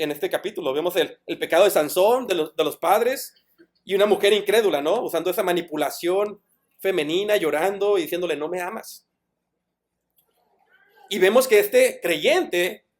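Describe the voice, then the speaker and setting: A man with a high voice preaches in a church. He reads verses aloud, stops to explain them in plain words, and asks the congregation questions as he goes. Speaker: pastor. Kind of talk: sermon.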